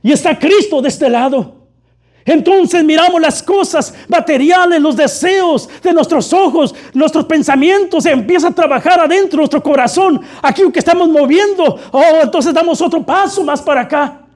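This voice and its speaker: A man's voice: extremely high pitch, moderate pace, darkish tone. A man preaching a fervent sermon, constantly calling his listeners brother. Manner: fervent, repeatedly addressing "hermano".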